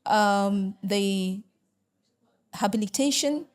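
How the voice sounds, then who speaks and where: Speaking in a mid-range voice, this middle-aged woman from Nigeria, a lecturer and religious sister with Igbo as her first language, fields interview questions. She is careful and hesitant, restarting often and using plenty of fillers.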